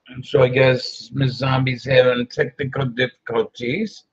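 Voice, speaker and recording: A man's voice: mid-range voice, level tone, takes it slowly, a bit bright, husky, lo-fi sound. A man hosting a casual late-night live show over a video call, with easygoing, joking banter. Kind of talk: casual livestream chat.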